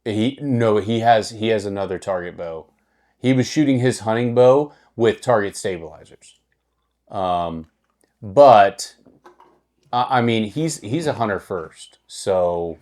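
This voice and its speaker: A man's voice: fairly low pitch, animated, slow pace, darkish tone. A man co-hosting a podcast, telling stories in casual, profane chat with lots of restarts. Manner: profane, rambling storyteller with many restarts. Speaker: podcast co-host.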